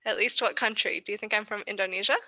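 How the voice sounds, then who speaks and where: Woman from the US, bright clear voice, dry close sound, online teacher on a video call. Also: medium pitch, fairly even intonation, quick pace, dry recording. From United States. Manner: friendly teacherly, asks the class questions. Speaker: online guest lecturer. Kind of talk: virtual class lecture.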